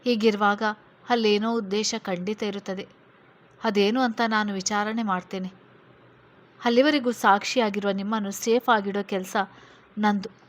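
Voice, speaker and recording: A woman doing a calm protective police officer. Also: mid-range voice, normal speed, long pauses, natural voice. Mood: reassuring. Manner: reassuring, steady and firm.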